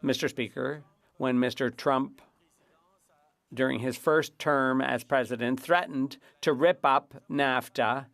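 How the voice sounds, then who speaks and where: A man interpreting formal parliamentary debate live, in somewhat halting phrases. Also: mid-range voice, steady tone, gravelly, a bit bright.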